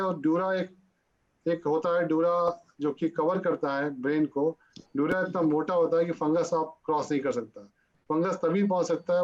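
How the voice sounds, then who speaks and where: A man's voice: on the high side, a little mellow. A male doctor answering interview questions, patiently explaining technical medical details. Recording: dull lo-fi audio.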